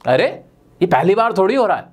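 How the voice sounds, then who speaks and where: A man gives an energetic online lesson in spoken English, speaking emphatically and firing rhetorical questions straight at his viewers. His voice is high-pitched and a little fast.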